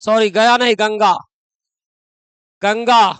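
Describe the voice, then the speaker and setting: A male grammar teacher lectures his class in a very high, smooth, clear voice, then breaks off to scold the students in local dialect. His delivery is flat and slow, a bit bright, and the sound is dry and close with no room sound. The audio quality is poor.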